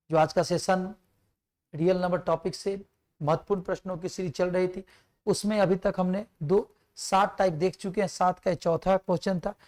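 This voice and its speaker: A man with a high, slightly mellow voice teaches an exam-prep math lesson step by step, posing questions and answering them himself while reciting numbers and tables aloud.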